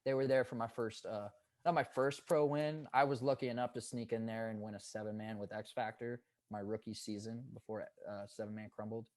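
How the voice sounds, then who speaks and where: Hyped-up young man, low voice. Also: steady tone, a little mellow, dry recording. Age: 20s. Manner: upbeat and hyped, drawn-out earnest storytelling. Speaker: guest, pro paintball player. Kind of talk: casual podcast interview.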